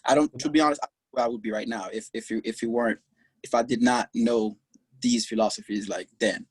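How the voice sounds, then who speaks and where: A young podcast guest from Haiti speaks in short, halting bursts during a casual interview, earnest and proud, over a video call from his clothing shop. His voice is husky, medium in pitch and fairly even, captured in a low-quality recording with no echo.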